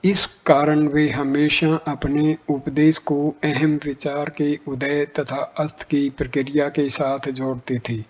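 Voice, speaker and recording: A man with a somewhat high voice reads spiritual teachings in a slow, measured way. His pitch barely moves, so the reading sounds even and steady. The recording is dull and lo-fi.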